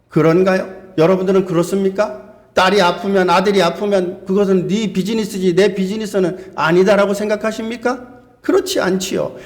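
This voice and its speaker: A male pastor preaching a sermon, speaking emphatically and asking the congregation rhetorical questions. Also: sits high. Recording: long reverb of a church hall.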